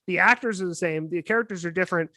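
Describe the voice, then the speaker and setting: An amused podcast panelist explains a point, restarting phrases along the way. The voice is mid-pitched, and the recording sounds dry and close. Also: rapid-fire, sharp tone, no echo. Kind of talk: casual chat.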